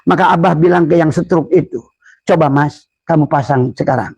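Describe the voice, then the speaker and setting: Older male preacher, gravelly and husky, lively sermon delivery. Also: normal speed, dry recording, dull audio. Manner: animated, shifts into loud high voices for quoted speech. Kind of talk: Sufi sermon.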